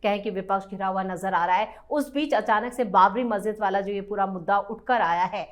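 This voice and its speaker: A woman's voice: medium pitch, a little fast. A woman news anchor on a TV panel, formally framing a question for her guest.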